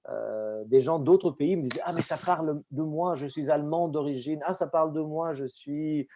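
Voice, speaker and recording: Expressive Italian-accented man chatting. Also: a little high, normal speed. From Italy. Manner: expressive, animated. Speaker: actor and guest speaker. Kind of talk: casual conversation.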